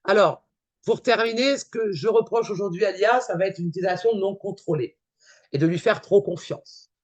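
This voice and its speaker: A man with a high voice presents at a conference in a loose, rapid style. He keeps repeating his key points and talks straight to his audience. The sound is dry and close. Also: no echo, highs cut off. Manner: fast, casual and emphatic, repeats points, addresses audience. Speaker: conference speaker. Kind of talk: conference talk with slides.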